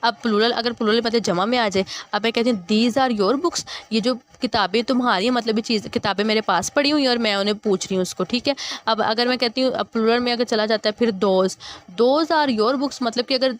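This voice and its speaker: Patient woman teaching English grammar. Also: a little high. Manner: explains patiently, reads English slowly then translates. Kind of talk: classroom grammar lesson.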